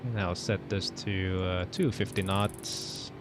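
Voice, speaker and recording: A man's voice: sits low, fairly even intonation, slow pace, over music. A man giving casual step-by-step cockpit commentary and radio calls as a flight simulator pilot. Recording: loud vehicle-like engine noise.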